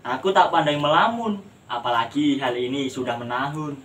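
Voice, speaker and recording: An actor playing a weary, hard-up street vendor in a theatre piece, complaining with sighing hesitations. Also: male voice, on the high side, normal speed, fairly bright tone, natural voice. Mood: weary, plaintive. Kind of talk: stage theatre acting. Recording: distant microphone, faint noise.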